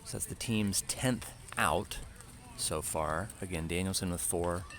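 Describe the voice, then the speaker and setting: A man's voice: low-pitched, unhurried, a bit bright. A man doing casual play-by-play for a youth baseball game, with dry joking asides between calls. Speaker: play-by-play announcer.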